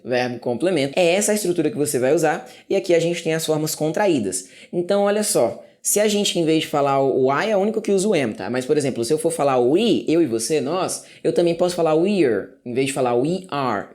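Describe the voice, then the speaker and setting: A man from Brazil teaching an English grammar lesson in a casual classroom style. He talks to the viewers, says key words slowly and often checks in with "ok?". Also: fairly high pitch, a little mellow. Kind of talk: casual classroom explanation at a whiteboard.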